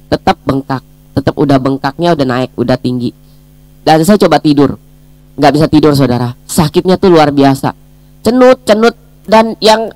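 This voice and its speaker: A devotional speaker with a low-pitched voice and no echo leads a daily devotional, praying in a gentle, earnest tone. She then shares a personal testimony in a storytelling manner, calling her listeners brothers and sisters.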